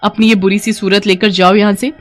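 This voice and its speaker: Woman voicing a sharp-tongued cartoon wife. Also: fairly high pitch, steady tone, normal speed, faint music behind, voice pushed up, lightly acted. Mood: scolding. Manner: scolding, complaining. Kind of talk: cartoon voice acting.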